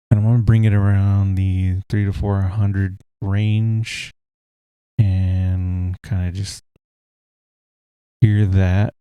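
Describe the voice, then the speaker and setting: A man with a deep, gravelly voice and a clean tone rambles comfortably through a casual screen-recorded tech tutorial, using fillers along the way. There's no echo, though a heater runs in his home room, and his USB desk mic has no pop filter.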